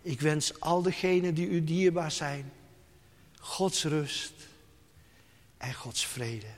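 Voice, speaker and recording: A man preaching slowly and deliberately, leaning on each phrase. His voice sits a little high for a man, and a long reverb from a large church hall trails behind him. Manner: slow, emphatic preaching with soft, hushed drops. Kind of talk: sermon.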